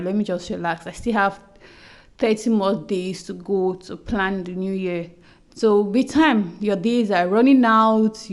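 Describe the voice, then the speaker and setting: With a medium pitch and a slightly mellow tone, a young adult podcast host chats to her listeners in a casual personal audio journal, often circling back to repeat herself.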